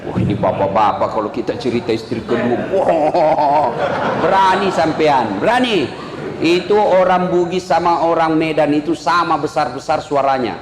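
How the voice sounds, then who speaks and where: Male preacher, humorous sermon, high-pitched, booming echo of a large hall. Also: normal speed, background noise. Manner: animated, jokes with the audience, rhetorical questions. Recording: echoey hall reverb.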